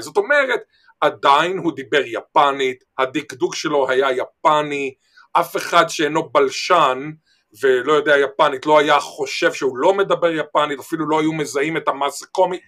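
Israeli guy, kinda high sharp voice, telling stories in a discussion, repeats himself for emphasis. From Israel, Eilat. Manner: emphatic, repeats words and phrases. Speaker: panel speaker on language. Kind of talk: animated discussion with anecdotes and quotes.

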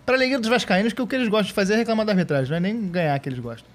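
A man's voice: sits high, very fast. A Brazilian man hosting a casual podcast, recapping an old football match with joking, sarcastic asides. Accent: Brazilian Portuguese.

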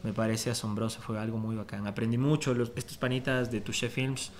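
A young man telling stories in a relaxed, slangy way during a casual podcast chat in a bar. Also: mid-range voice, fairly quick. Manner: laid-back storytelling, slangy. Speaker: musician guest. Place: bar, indoors.

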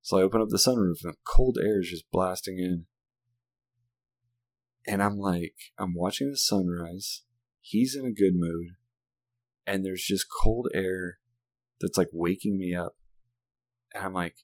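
A man's voice: low voice, measured pace, pauses often. A man in his thirties, a father, telling a story in casual chat, laughing often and swearing casually.

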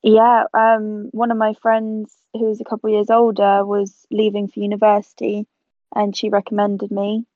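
A South African-born woman in her twenties, a guest photographer, chats casually in an interview and laughs easily. Her mid-range voice is monotone at normal speed, with no room sound, over a tinny, phone-like line.

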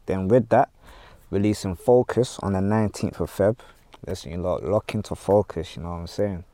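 A man's voice: deep voice, fairly even intonation, moderate pace, dark tone, dry recording. A man with a London roadman accent, chatting casually as a podcast guest in heavy street slang full of tag phrases. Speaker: podcast guest, music artist.

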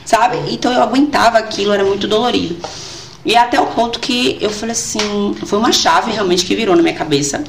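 A woman tells her own story in a casual conversation, lively and expressive, slipping into the voices of the people she quotes. Her pitch sits mid-range for a woman. The room gives the voice a noticeable echo. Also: quick pace, gravelly, slight background noise. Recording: roomy echo.

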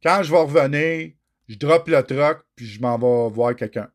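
A middle-aged man speaks at a measured pace in a medium-pitched voice with a Quebec French accent. Looking straight at viewers, he relates his own story in a raw, emotional monologue, cursing a lot.

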